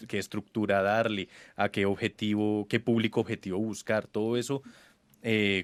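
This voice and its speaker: A man's voice: fairly low pitch, no room sound. A man hosting a casual podcast, explaining with playful examples and laughing often. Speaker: podcast host. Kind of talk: casual chat.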